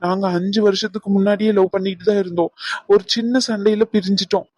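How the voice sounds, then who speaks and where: A woman's voice: mid-range voice, fairly even intonation, fast, warm tone, no room sound, lightly acted. Woman voicing an earnest young male doctor. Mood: pleading. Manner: pleading, reassuring.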